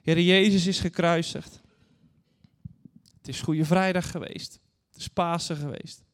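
A man's voice: a little high, fairly even intonation, measured pace. Earnest male preacher in an echoing church. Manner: earnest, storytelling, addresses congregation directly. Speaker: guest preacher. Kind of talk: sermon with Bible reading. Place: church hall. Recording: long church reverb.

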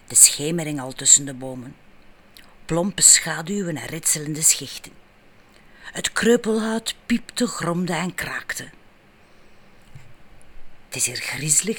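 A woman's voice: low voice, fairly bright tone. A woman with a Flemish accent narrating a story in the first person, in a frank, wry and intimate way. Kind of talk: audiobook narration.

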